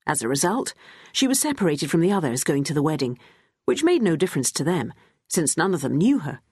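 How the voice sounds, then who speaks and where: A woman narrating an audiobook in a measured, expressive way, recorded close to the mic. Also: low-pitched, husky, dry recording. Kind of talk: scripted narration.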